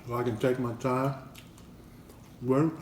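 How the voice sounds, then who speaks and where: Relaxed man vlogging in an echoey room. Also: mid-range voice, slight background noise. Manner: relaxed, unhurried, chatty with fillers. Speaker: family channel vlogger. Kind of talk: casual eating challenge vlog.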